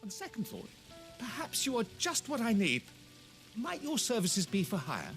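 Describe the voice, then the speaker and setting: An actor playing a desperate, pleading bathhouse owner in a video game. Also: male voice, very high voice, huge pitch swings, normal speed, a bit bright, faint music behind, exaggerated voice. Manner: pleading, anxious. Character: desperate middle-aged male bathhouse owner.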